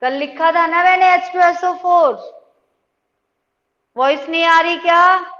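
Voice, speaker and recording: Patient woman teacher, high voice, slow. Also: fairly even intonation, fairly bright tone. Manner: patient, checks in with students often. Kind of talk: online class lesson. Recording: dull lo-fi audio with long reverb.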